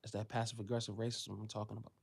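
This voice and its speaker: An American man delivers an unscripted commentary monologue, ranting with lots of profanity. He sinks into low, quiet muttering, then leaps into loud, high-pitched exclaiming when mocking others. His voice is husky with vocal fry, shows little pitch movement, and moves very fast.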